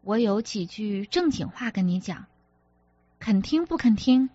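Brief: woman reader giving an exasperated young husband, pleading and defensive, unhurried, audiobook dialogue. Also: mid-range voice, expressive, dark tone, husky, no echo, lo-fi sound. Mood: placating. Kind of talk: audiobook character reading.

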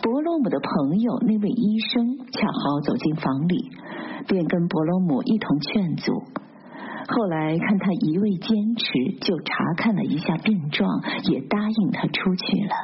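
A woman narrating a literary novel aloud in a steady, measured storytelling manner. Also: on the low side, a little hiss or hum. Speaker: audiobook narrator. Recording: dull lo-fi recording.

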